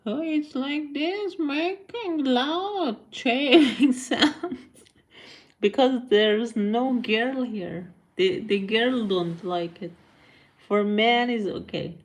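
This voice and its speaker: A young woman chatting casually with her viewers on a live stream from home, in halting non-native English and laughing often. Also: a little high.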